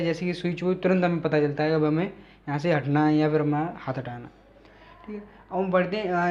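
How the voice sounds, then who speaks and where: A man with a fairly high voice lectures on biology in a lesson video. He reads textbook definitions in English at a slow, careful pace and then explains them in Hindi, often pausing on fillers as he searches for words. The sound is dull and lo-fi. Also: darkish tone. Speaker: teacher.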